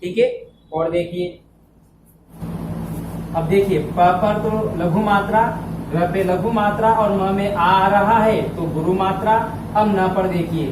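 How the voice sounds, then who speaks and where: A man's voice: high-pitched, fairly even intonation, takes it slowly, pauses often. A male Hindi teacher giving a step-by-step lesson, often checking that his students follow along. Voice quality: explains step by step, often asks if it's understood. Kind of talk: classroom-style lesson. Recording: echoey room, distant mic, faint noise.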